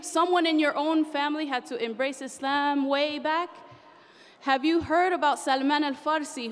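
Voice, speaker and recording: On the stage of a big convention hall, a woman performs spoken word poetry in a high, fairly bright voice, with rhythmic, rhyming and impassioned delivery. A podium microphone picks her up amid the hall's reverb.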